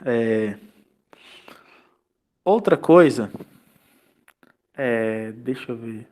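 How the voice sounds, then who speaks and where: A man's voice: medium pitch, expressive, extremely slow, darkish tone. Brazilian man teaching chemistry online. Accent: Brazilian Portuguese. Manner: explanatory, asks rhetorical questions, adds checks like "tá?" and "né?". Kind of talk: online class lecture. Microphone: computer mic on a video call.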